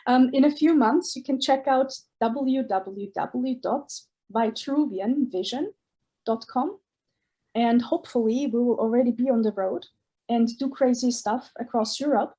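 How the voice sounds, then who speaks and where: Earnest Austrian-born woman, mellow voice. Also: a little high, unhurried. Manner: earnest, searching, with many restarts. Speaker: guest artist. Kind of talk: casual interview talk.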